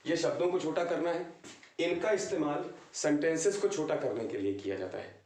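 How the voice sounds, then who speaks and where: A man teaching English grammar, explaining slowly and deliberately and switching between Hindi and English. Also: fairly high pitch, darkish tone, roomy sound. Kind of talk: grammar lesson.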